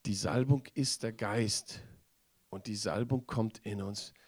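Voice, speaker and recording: A man preaching in German, conversational and lively, often turning to the audience with questions. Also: lowish voice, slow pace, slightly rough. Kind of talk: sermon.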